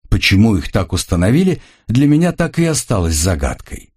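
A man narrates a first-person adventure story in a wry, expressive manner. His voice is fairly low and husky, and his pitch rises and falls in lively swings.

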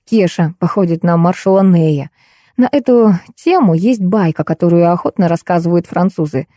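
A woman reads a first-person comic novel aloud, lively and gently ironic. Her voice is dark and mellow, recorded dry and close with no room sound. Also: mid-range voice, no echo. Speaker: audiobook narrator.

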